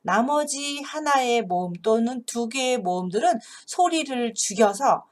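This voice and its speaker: Slow, lively-voiced woman teaching phonics. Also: on the high side. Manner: explains patiently, then reads example words slowly and carefully. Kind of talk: instructional video lesson for teachers.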